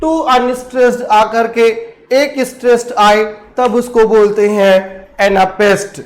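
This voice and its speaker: Male lecturer, very high pitch, slow deliberate delivery, reads verse aloud and quizzes students. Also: fairly even intonation. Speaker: English literature teacher. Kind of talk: exam-prep lecture in Hindi and English.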